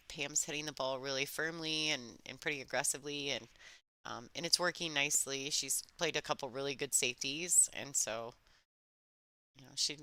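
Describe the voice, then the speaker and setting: A woman commentating live on a pool match in a restrained, soft-spoken golf-commentator voice, chatting conversationally as she follows the play. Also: low voice, clear, resonant tone, no echo. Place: alone in a chilly room.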